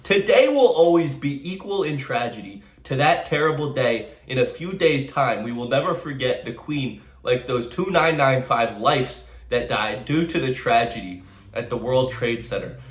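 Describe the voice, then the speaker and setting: Man, sarcastic meme commentary, stammering and rambling, medium pitch, echoey room. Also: animated, unhurried. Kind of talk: casual comedic commentary.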